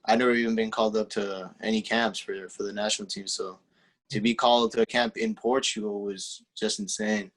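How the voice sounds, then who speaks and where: A teenage footballer whose first language is Spanish speaks casually as an interview guest, his voice fairly low. His relaxed, halting answers include lots of "um" and restarts, and the audio quality is poor.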